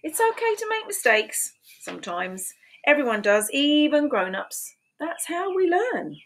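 A woman in her fifties reads picture books to preschoolers in a slow, sing-song storytime voice that sits high and sounds a bit bright. She's recorded on a desk webcam in a small room at home.

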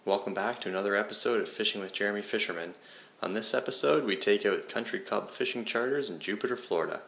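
A man in his thirties delivers a brisk video intro with a gravelly, low edge. He rattles through the lines fast in a small room that rings with echo. Background noise hums under him. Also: a bit bright. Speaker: host.

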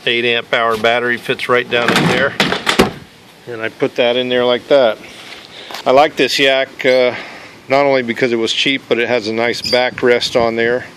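A man's voice: medium pitch, noisy background. Plain-spoken man showing off his kayak. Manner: relaxed, plain-spoken, with frequent "uh" pauses. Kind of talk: casual show-and-tell walkthrough. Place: outdoors on a paved driveway.

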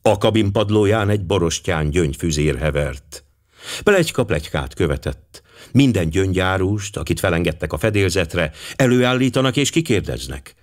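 A man reading an audiobook as the narrator, in an expressive storytelling style. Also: deep voice. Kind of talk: scripted narration.

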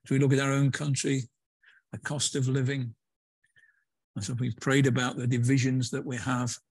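A man's voice: medium pitch, little pitch movement, moderate pace, husky, no room sound. A man preaching a conversational sermon in a church, with hesitant fillers and restarts. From England.

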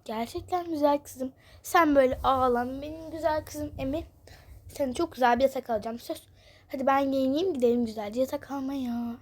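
A woman's voice: high-pitched, a little fast, natural voice. A woman voicing a patient, soothing mother in a game role-play, coaxing her child.

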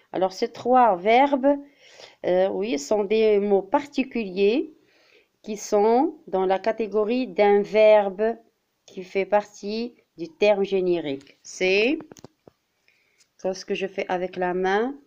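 A woman primary school teacher walks her pupils through a vocabulary exercise, speaking in a very slow, deliberate way. She repeats each word and acts out examples. Her voice sounds warm and relaxed, and the recording is a bit dull and lo-fi. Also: mid-range voice. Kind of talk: classroom vocabulary lesson.

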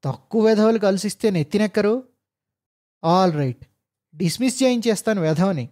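A man voicing an arrogant, hot-tempered engineer boss who barks and shouts with scorn. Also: high voice, lively intonation, normal speed, pitched above the performer's own voice. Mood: furious.

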